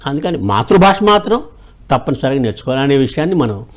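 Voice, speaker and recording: A man telling short moral tales with lively voice changes and mimicry. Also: mid-range voice, fast. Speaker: storyteller guest. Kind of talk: animated storytelling.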